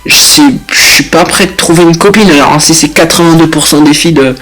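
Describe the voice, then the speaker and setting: Rambling young Frenchman, slightly high voice. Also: brisk, bright, forceful tone, faint music behind, low-quality recording. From France. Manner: laid-back, rambling, blunt slangy jokes with many fillers. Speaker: YouTuber reacting to statements. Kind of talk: casual crude commentary.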